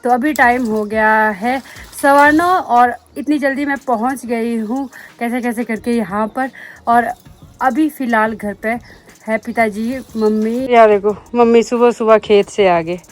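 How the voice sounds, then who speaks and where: A woman's voice: on the high side, steady tone, measured pace. A young woman, vlogging outdoors in her mountain village and chatting straight to the camera. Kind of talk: casual vlog narration.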